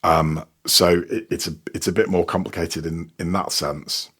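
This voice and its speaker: A man with a deep, slightly rough, somewhat bright voice speaks at a moderate pace with flat delivery. He's a sound designer and technical producer chatting casually in an interview about audio production, hesitating and repeating words as he searches for phrasing.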